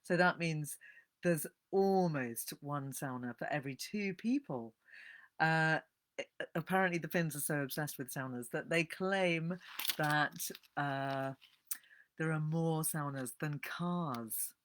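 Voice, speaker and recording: A woman, giving a casual, animated live-stream talk on books and greeting viewers as they join. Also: low-pitched, slow pace, slight background noise. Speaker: bibliotherapist hosting a live book talk.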